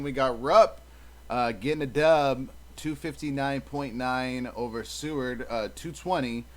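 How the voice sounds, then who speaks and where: A young man hosting a casual fantasy football chat, easygoing as he moves from segment to segment. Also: mid-range voice. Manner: easygoing, leads segments with set prompts. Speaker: fantasy football show host.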